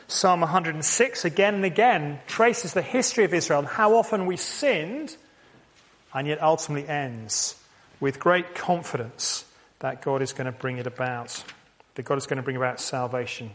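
A man preaching a sermon, reading scripture quietly and then asking pleading questions in a raised voice. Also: a little high. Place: church meeting.

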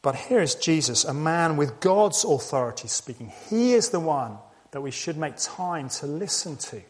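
A man delivers a sermon in an easy, conversational manner. His voice sits a little high, and he leans on rhetorical questions and repetition to drive his points home. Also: very animated, moderate pace. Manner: conversational, rhetorical questions, repeats key lines. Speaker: preacher.

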